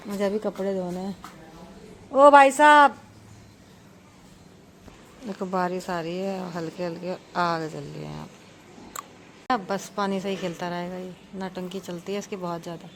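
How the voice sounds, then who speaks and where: A woman in her thirties narrating a casual family vlog, chatting to viewers and scolding her children in sharp bursts. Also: lowish voice, level tone, normal speed. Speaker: vlogger mother. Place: home and outdoors in rain. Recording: phone vlog with clear background noise.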